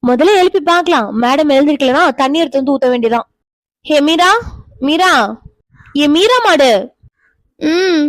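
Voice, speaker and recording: Woman doing a naggy bossy cartoon older sis, high voice, always telling someone off. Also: normal speed, long pauses, dry recording, clean studio sound, close to an everyday voice. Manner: scolding, sharp-tongued, bossy. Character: bossy scolding older sister type, young woman. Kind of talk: cartoon voice acting.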